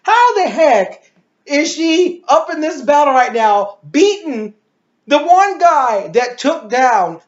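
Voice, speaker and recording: A woman with a high voice and big pitch swings speaks slowly through a casual, opinionated movie review, ranting emphatically, swearing, and rambling in exasperation. The sound is lo-fi and dull, with a roomy echo.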